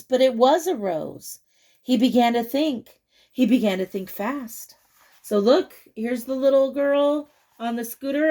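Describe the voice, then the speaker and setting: A woman whose voice sits high reads a picture book aloud to children, breaking in with chatty, expressive asides and questions for the young listener.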